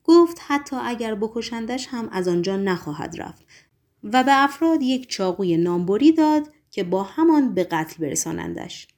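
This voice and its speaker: A woman narrating a novel as an audiobook in a measured, literary reading. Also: a little high, very animated, a little mellow.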